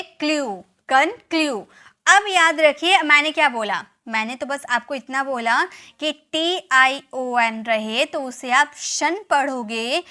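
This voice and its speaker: Bright, high-pitched woman teaching. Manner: spells words letter by letter and repeats them, with frequent check-ins; addresses viewers directly. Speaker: English teacher. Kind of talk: classroom-style spelling lesson.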